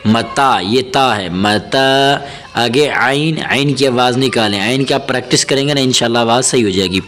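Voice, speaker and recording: A man teaching Quran reading, slowly spelling out and chanting each syllable, then explaining the rules in quick bursts. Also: medium pitch, a bit bright. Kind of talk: spelling-out recitation lesson.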